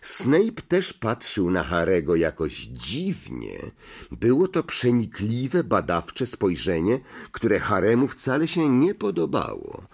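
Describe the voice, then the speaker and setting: A man narrating an audiobook, reading slowly and expressively with dramatic inflection. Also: lowish voice, huge pitch swings, vocal fry, breathy edge. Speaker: audiobook reader.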